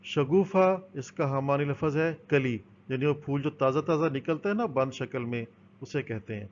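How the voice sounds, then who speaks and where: A man's voice: mid-range voice, darkish tone. A man teaching a recorded school lesson, explaining patiently and answering his own questions. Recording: dull, lo-fi with faint noise.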